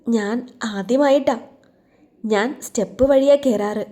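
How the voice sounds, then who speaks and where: A woman's voice: fairly high pitch, unhurried, warm tone, natural voice. Woman voicing a shy, wary young woman. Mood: hesitant.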